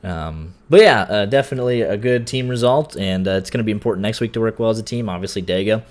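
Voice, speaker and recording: A man's voice: on the low side, quick pace, a little mellow. A man broadcasting post-race interviews with sim racing drivers, chatty and full of fillers. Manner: chatty, filler-heavy, stumbles and laughs.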